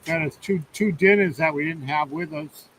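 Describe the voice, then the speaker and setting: A man with a slightly raised voice co-hosts a relaxed live stream, trading easy jokes. A faint hiss sits under the recording. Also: a little high, moderate pace, poor audio. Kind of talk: casual live chat.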